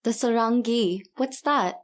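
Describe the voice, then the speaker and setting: A woman interviewing children in a scripted textbook audio recording, asking her questions in a bright, inquisitive way. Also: on the high side, measured pace.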